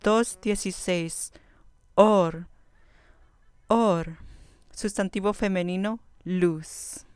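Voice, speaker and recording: Woman teaching vocab, super clear voice, slow and careful, dry close sound. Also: mid-range voice, a little mellow, dry recording. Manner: slow, careful, repeats each word. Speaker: Biblical Hebrew teacher. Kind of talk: vocabulary lesson.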